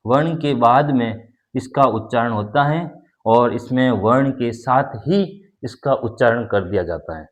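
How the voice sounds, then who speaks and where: A man's voice: mid-range voice, darkish tone. Man teaching a grammar lesson patiently. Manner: explanatory, repeats key points, pauses to demonstrate sounds.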